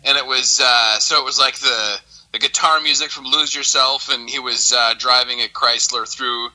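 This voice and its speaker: A man in his thirties co-hosting a casual podcast, telling animated stories and acting out what people said. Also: mid-range voice, low-quality recording. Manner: animated storyteller, acts out quotes. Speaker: podcast co-host. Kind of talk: casual chat.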